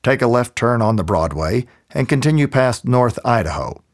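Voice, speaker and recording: A man narrating a scripted audio tour in the smooth, measured, clearly articulated manner of a museum guide. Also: medium pitch, animated. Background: background music.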